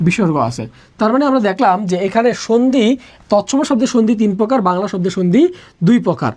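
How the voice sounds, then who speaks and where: Leading a live online grammar class, this teacher repeats each question and then answers it. Her mid-range voice is animated, fast, and slightly mellow, and she drills by asking and answering over and over.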